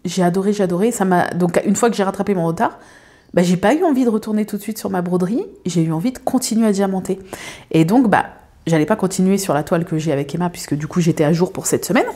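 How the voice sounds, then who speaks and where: A woman's voice: fairly low pitch, fast talker, warm tone. A woman chatting casually to her viewers at home, rambling with lots of fillers and restarts. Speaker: craft video creator.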